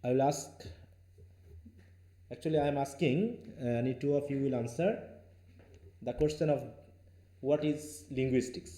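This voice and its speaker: A man's voice: medium pitch, steady tone, very slow, long pauses, warm tone, roomy sound. A male teacher from Bangladesh leading a live online class, firm and questioning, mixing Bengali with English.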